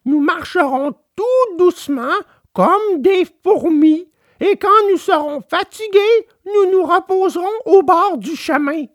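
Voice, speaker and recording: A woman voicing an earnest, polite young wooden puppet boy in a storybook reading, speaking in a high, tender voice. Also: animated, slow, dry recording, clean studio sound, full character voice.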